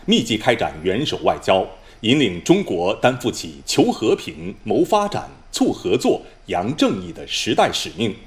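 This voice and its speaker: Speaking in a mid-range voice, a man delivers scripted news in the role of a formal Chinese anchor. He sounds solemn and measured, using crisply enunciated standard mainland Mandarin.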